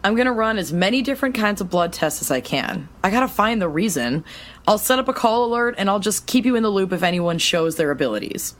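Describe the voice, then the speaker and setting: Speaking fast and with light acting, a woman with a medium-pitched voice plays an excitable, eager female superhero hacker-scientist in an audio drama. Her expressive delivery carries a determined mood.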